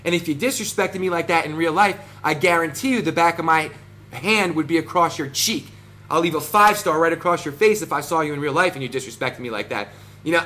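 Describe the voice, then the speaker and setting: A brash man in his thirties with a New Jersey accent, ranting to camera with boastful, combative energy. His voice sits a touch high and comes across bright and forceful, full of fillers and restarts. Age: 30s. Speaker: vlogger.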